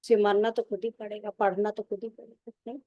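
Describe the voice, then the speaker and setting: A woman's voice: mid-range voice, flat delivery, fairly quick, warm tone, dry recording, highs cut off. A woman spiritual teacher giving a devotional sermon, telling stories with repetition and rhetorical questions.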